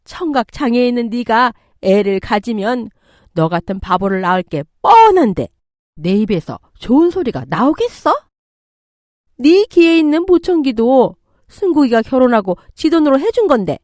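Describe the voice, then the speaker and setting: Scornful, scolding older mother-in-law, loud and raised in pitch, swinging hard between words, as a female story reader puts her on; dry close sound. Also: sing-song, moderate pace, no echo. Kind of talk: storytelling radio reading.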